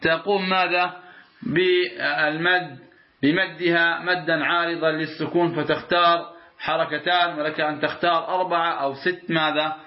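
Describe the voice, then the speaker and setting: A man's voice: fairly high pitch, level tone, moderate pace. A man teaching Quran recitation rules, asking his listeners "what?" and answering himself, and drawing out each word he demonstrates. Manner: drawls out the words he demonstrates. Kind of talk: explaining a recitation rule line by line. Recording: roomy, dull lo-fi sound.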